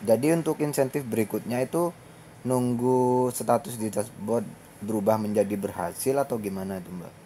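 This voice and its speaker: A man's voice: fairly low pitch, normal speed, mellow. A man making a casual enquiry as a caller on the phone. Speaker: caller to a helpline. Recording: phone call with faint background noise.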